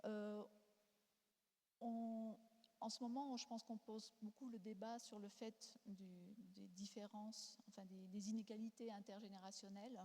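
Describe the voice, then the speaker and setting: A woman's voice: medium pitch, level tone, unhurried, dark tone. Foreign-accented woman in a reverberant hall. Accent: foreign accent in French. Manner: hesitant, searching for words with repeated restarts. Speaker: panel speaker, demography expert. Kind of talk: unscripted panel debate contribution.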